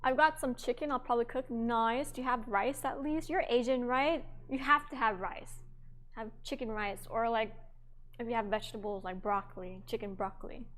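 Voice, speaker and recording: A woman's voice: fairly high pitch, normal speed, a bit bright. A young woman livestreaming, chatting casually with her viewers while cooking in her home kitchen, rambling with lots of fillers.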